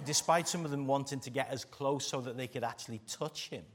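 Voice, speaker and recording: A man's voice: mid-range voice, fairly quick, a little hiss or hum. A man with an English East Midlands accent from Derbyshire, preaching a church sermon in an emphatic way, repeating phrases for weight. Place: speaking live to a church congregation.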